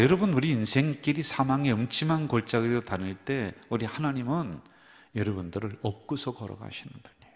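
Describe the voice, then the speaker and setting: A middle-aged man preaching a sermon as pastor, speaking straight to the congregation and asking and answering his own questions. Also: on the low side. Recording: long reverb of a church hall.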